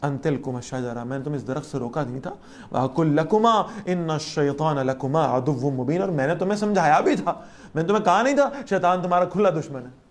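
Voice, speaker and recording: A woman giving a Quran lesson, reciting Arabic verses and explaining each one with questions to her listeners. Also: low-pitched. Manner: lively, asks the listeners questions. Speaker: Quran teacher.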